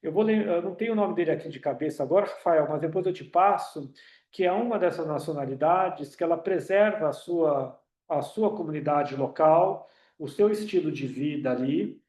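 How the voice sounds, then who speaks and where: A Brazilian man with a fairly high, darkish voice and a Brazilian Portuguese accent speaks at a moderate pace through a computer mic on a video call, in an echoey room. He is a union director giving an online webinar talk with audience questions, hesitant and full of fillers and restarts.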